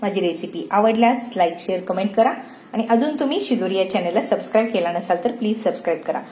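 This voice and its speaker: Woman, cooking host, calm step-by-step instructions, echoey kitchen, faint hiss, pots clinking. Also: mid-range voice, quick pace. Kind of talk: recipe narration.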